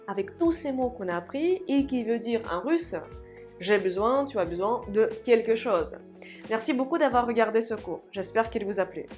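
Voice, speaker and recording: A woman teaching a language lesson online, explaining grammar step by step and repeating example sentences slowly and deliberately. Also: medium pitch, a little mellow.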